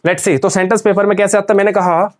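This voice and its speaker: A man with a notably high voice leads an English grammar lesson for students. He drills them as he goes, asking a question and answering it again and again. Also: level tone, fast talker.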